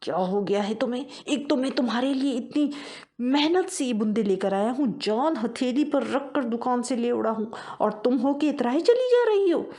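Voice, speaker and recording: A woman's voice: sits high, moderate pace, a little mellow, voice pushed up, natural voice. A woman voicing an eager male mouse who dotes on his wife, pleading and coaxing in a storybook.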